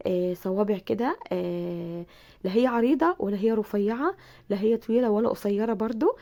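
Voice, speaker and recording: Hoarse Egyptian woman teaching a recipe. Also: mid-range voice, warm tone. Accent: Egyptian Arabic. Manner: chatty, repeats herself, addresses viewers affectionately. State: hoarse from a bad cold. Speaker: cooking channel host. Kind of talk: cooking tutorial.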